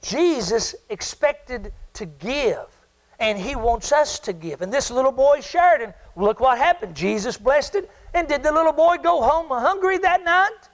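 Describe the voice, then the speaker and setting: An older man preaching from the pulpit, his voice sitting unusually high for a man. He works the congregation with questions and calls for answers. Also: lively intonation, measured pace, poor audio. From South Carolina. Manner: call-and-response preaching, asks the congregation questions. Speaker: pastor. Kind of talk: sermon.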